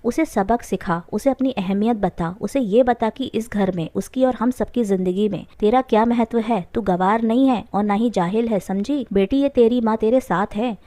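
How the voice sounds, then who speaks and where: A woman voicing a stern, sharp-tongued elderly mother-in-law who scolds bluntly in a family story. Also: a little high, normal speed, hardly any pauses, dry recording, close to an everyday voice. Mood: scolding.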